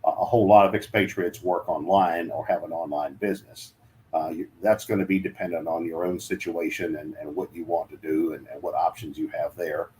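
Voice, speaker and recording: A man's voice: low voice, steady tone, fairly quick, a little mellow, slight background noise. A man giving relocation advice in a casual chat, hesitant with many fillers and restarts. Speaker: guest, relocation adviser.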